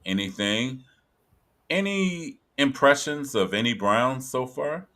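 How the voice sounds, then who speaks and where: A man's voice: medium pitch, lively intonation, slow, pushed and bright. A man hosting a casual sports talk show, chatting loosely and repeating phrases for emphasis. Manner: conversational, reads from an article, repeats phrases for emphasis. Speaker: sports podcast host.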